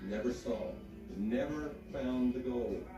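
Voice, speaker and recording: A man's voice: mid-range voice, measured pace. A man guiding a tour group inside a cave, telling its history as a story, his voice ringing with cave echo. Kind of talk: guided tour talk. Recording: echoey cave, voice from far off, music over it.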